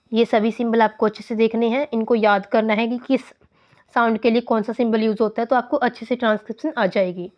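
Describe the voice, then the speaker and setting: A woman teaching phonetics step by step, drawing out example words and calling her viewers "guys". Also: fairly high pitch. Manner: explains step by step, calls listeners "guys", stretches example words. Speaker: English teacher. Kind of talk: phonetics lesson. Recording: dull lo-fi voice recording.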